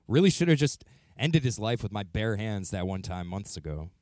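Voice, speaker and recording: A man's voice: on the low side, very animated, moderate pace, a little mellow, no echo, studio quality. A man hosting a comedy show, reacting with flustered disbelief. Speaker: podcast host. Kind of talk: comedic sketch. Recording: music playing behind.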